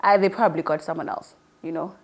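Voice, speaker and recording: Speaking quickly in a low, steady voice, a woman in her early twenties chats easily as an interview guest. She has just been named presenter of an online show and tells personal anecdotes.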